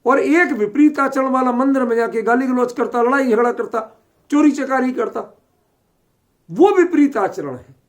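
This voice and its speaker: A man's voice: extremely high pitch, animated, moderate pace. A man teaching a scripture lesson, often asking his listeners whether they follow the point. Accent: Delhi Hindi. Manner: questioning, keeps checking understanding.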